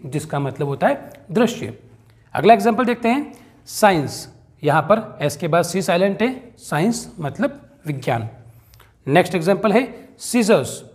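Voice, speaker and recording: A man's voice: high-pitched, a little mellow. A man, teaching an English lesson step by step and calling his viewers friends. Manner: explains rules step by step, addresses viewers as friends.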